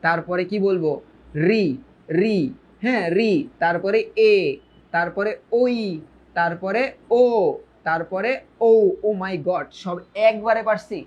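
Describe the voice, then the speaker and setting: A man's voice: high voice, a bit bright. A male tutor teaches a grammar lesson to his students. He often repeats his phrases and puts questions to his listeners. English words slip into his talk. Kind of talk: online lecture.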